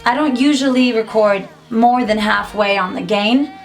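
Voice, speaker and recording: A young woman, a musician and YouTuber, gives a casual, upbeat tutorial to camera from her small home music studio. Her voice is on the high side and creaky, at a moderate pace, and she's chatty and says "like" a lot.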